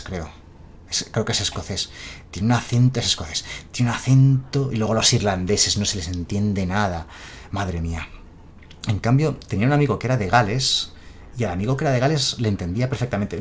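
A man's voice: fairly low pitch, slight background noise. A man from Spain, chatting casually on a live stream and reading out chat messages.

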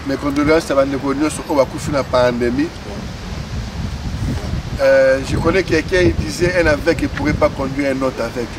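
A man's voice: medium pitch, fairly even intonation, a little fast. A man giving impassioned outdoor political commentary, repeating himself and mixing French into his talk. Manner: impassioned, repetitive, switches between Lingala and French. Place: outdoors on a city street. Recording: distant mic outdoors with faint noise.

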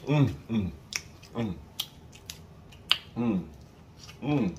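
A man's voice: mid-range voice, animated, very slow, highs cut off, noisy background. Man humming through a full mouth. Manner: murmurs of approval while chewing. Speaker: mukbang co-host. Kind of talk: casual eating chat. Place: indoors at home.

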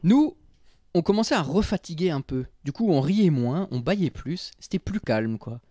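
A man in his thirties telling a personal anecdote on a podcast in an animated, theatrical way. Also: on the high side, moderate pace, dry recording. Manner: animated, theatrical storytelling with restarts. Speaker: podcast columnist.

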